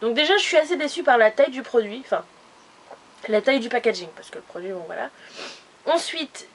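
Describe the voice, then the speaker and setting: A woman's voice: fairly high pitch, animated, fairly quick. A woman chatting casually in a haul video, rambling with many fillers and restarts. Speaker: beauty vlogger.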